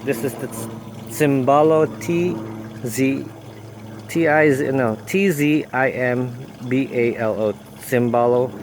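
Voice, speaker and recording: A man's voice: medium pitch, noisy background. A man giving a casual, rambling walk-through of his home garden outdoors, with frequent fillers and self-corrections.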